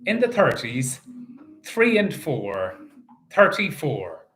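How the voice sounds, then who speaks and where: A man working as a bingo caller, calling out numbers in set phrases and repeating each in a measured, sing-song way. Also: on the high side, wildly swooping pitch, a bit bright, a little hiss or hum, poor audio.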